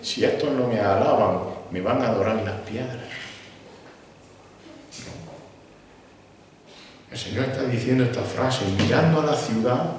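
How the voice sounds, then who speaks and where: A man's voice: mid-range voice, measured pace, pauses often, darkish tone, slight background noise. Man, Spain Spanish accent, preacher, sermon, rhetorical questions he answers himself, long hall reverb, distant mic. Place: church sanctuary. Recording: echoey hall, mic far off.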